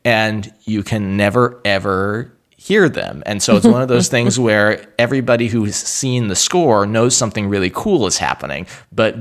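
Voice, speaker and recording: A man's voice: fairly low pitch, moderate pace, few pauses. A man talking as a podcast guest in casual chat, rambling with many restarts.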